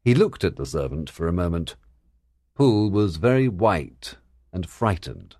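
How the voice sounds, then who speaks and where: A man narrating a classic story as a learner audiobook, in clear, measured storytelling. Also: sits low, very animated, a little mellow, dry recording, studio quality.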